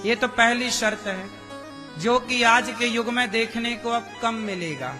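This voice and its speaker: A man giving a religious discourse, slowly questioning his listeners and acting out quoted speech. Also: extremely high pitch, pushed and bright, faint music behind. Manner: slow, questioning the audience, acts out quoted speech. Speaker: preacher.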